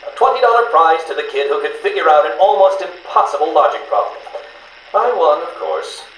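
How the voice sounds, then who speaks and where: A man's voice: on the high side, lively intonation, brisk, fairly bright tone. An actor playing a smug, arrogant male riddle-obsessed villain, heard played back from a cassette interview tape, with a condescending, mocking, theatrical manner. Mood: sardonic. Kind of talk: video game voice acting. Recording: roomy, faintly hissy tape recording.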